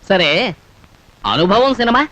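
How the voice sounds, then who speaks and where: A man's voice: sits high, big pitch swings, a little slow, fairly bright tone, dry recording, highs cut off, full character voice. An actor playing a talkative, comic male marriage broker in a 1970s film, telling his story with theatrical flair. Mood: coaxing.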